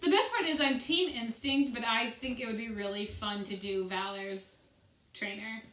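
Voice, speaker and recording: A woman chatting casually and eagerly, quick to jump in with her opinions. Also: a little high, fairly bright tone, a little hiss or hum. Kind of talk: casual chat. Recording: echoey, from a distance.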